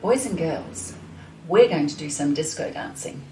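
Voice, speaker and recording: A woman leading a children's dance class, talking to young kids in a slow, sing-song, encouraging way. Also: deep voice, animated, warm tone, slight background noise. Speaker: children's dance and gym teacher. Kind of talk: leading a kids' movement class. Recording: echoey room, voice from far off, faint music.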